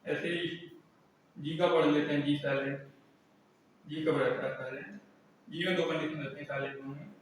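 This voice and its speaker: A man's voice: fairly high pitch, flat delivery, moderate pace, long pauses, a little hiss or hum. A male teacher giving a classroom lesson who keeps asking and answering his own questions. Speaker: English teacher. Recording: echoey room, mic far off.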